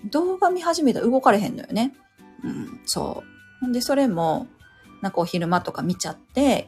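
A woman's voice: a little high, darkish tone, slightly rough. A woman with a Kansai accent, a stay-at-home mother chatting casually and self-deprecatingly on her own show, often losing her train of thought. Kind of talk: casual solo chat.

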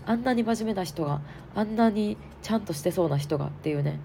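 A woman with a Kansai accent, hoarse and stuffed up, hosting a frank, chatty solo podcast with plenty of fillers. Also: medium pitch, animated, quick pace, dark tone, slight background noise. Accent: Kansai Japanese. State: hoarse, congested nose. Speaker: podcast host. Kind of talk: casual solo podcast talk.

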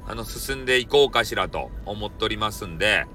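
A man's voice: on the low side, lively intonation, a little fast, bright, forceful tone, slight background noise. A man with a Hakata dialect hosting a solo podcast, joking around in a playful, mock-formal way. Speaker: podcast host, storyteller. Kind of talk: casual solo podcast talk.

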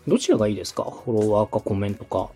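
This Osaka-born podcast host, coach and radio director talks very fast and very animatedly in a lowish, dark, husky voice, with faint music in the background. He explains matters step by step in a polite, instructive consulting conversation.

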